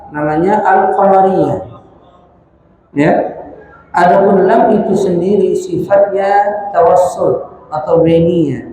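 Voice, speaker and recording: Guy teaching recitation slow and patient, mellow voice, big echoey mosque hall. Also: a little high, a little hiss or hum. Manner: slow, demonstrates sounds repeatedly, corrective. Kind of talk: tajwid lesson with chanted recitation. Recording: echoey hall with long reverb.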